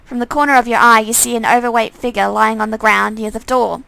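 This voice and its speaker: Gravelly woman reading a game aloud. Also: a little high, brisk, dry recording, poor audio. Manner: steady second-person narration with small slips. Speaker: streamer reading a visual novel.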